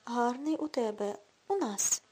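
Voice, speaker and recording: A drunken, boastful has-been of a man, middle-aged and sure of his own charm, read by a woman. He pushes and coaxes in a high, husky voice. An audiobook reading. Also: expressive, a little slow, a little mellow. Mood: pushy. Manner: pushy and self-assured, coaxing.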